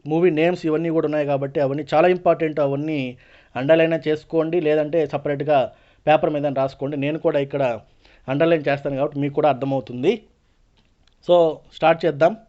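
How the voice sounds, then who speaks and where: A man with a Telugu accent explains an exam lesson as an online teacher, his voice pitched a little high. He switches constantly between Telugu and English words. The recording is slightly dull and lo-fi. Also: steady tone, quick pace.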